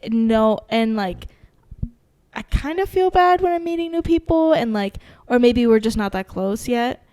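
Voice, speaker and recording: A young woman co-hosting a podcast in casual chat, soft-spoken and reflective, with hesitant restarts. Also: a little high, expressive, measured pace. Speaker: podcast co-host.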